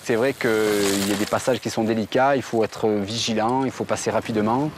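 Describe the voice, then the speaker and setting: A man's voice: lowish voice, steady tone, moderate pace. A man, a downhill racer, talking in a hesitant way in an interview. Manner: hesitant, many fillers. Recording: noisy outdoor sound.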